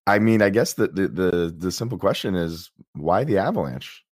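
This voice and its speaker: Male sports podcast host, low-voiced and hoarse with a chest cold, casual and halting delivery. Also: expressive. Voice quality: deep, hoarse voice. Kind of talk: casual solo sports commentary and interviewing.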